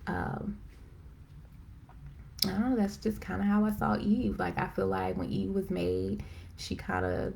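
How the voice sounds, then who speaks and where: Gravelly-voiced woman chatting on a live stream. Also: mid-range voice, a little hiss or hum. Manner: chatty, rambling, many fillers; excited, self-described as talking fast. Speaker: host of a live video chat. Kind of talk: casual faith-based chat. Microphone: phone or computer for a live stream.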